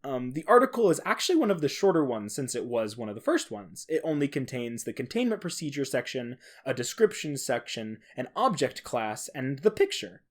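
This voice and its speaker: A solo podcast host talks fairly quickly, with big pitch swings and hardly any pauses, in a medium-pitched voice. His casual explainer on horror fiction is informal and conversational, with the odd swear word.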